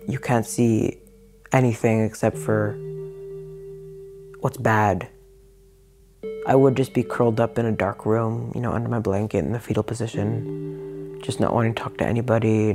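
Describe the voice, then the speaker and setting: A man with a low, gravelly voice tells his story in an interview. He speaks frankly and reflectively, in an even, flat delivery. Faint music plays underneath. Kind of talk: candid personal testimony.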